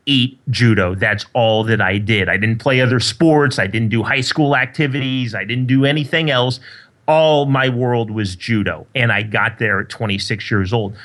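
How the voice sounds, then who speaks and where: A man's voice: medium pitch, a bit bright. A man co-hosting a podcast in casual chat, telling stories in an informed way. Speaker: podcast co-host.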